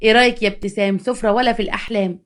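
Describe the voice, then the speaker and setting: A woman's voice: mid-range voice, steady tone, racing, lightly acted. A woman with an Egyptian accent voicing a sly, sarcastic young woman who schemes against her friend. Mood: scheming. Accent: Egyptian Arabic.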